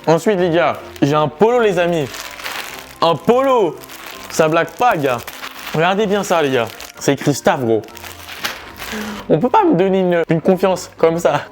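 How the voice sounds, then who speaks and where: A young man chatting casually on his vlog, slangy and animated, laughing often. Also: fairly high pitch, moderate pace, faint music behind. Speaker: vlogger.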